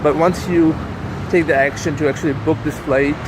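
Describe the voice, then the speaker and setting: Traffic hums behind a young vlogger whose first language is Urdu as he walks a city street holding his camera. His slightly high voice stays steady and fairly quick, and his casual talk wanders with frequent fillers.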